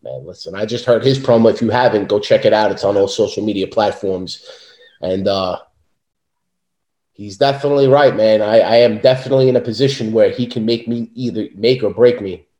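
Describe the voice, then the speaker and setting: A man's voice: on the low side, a little fast, dark tone, reverberant, highs cut off. A man in his thirties with a Brooklyn New York accent, talking bluntly and tough in a casual interview. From South Brooklyn, New York, USA. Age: 30s. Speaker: professional wrestler, interview guest.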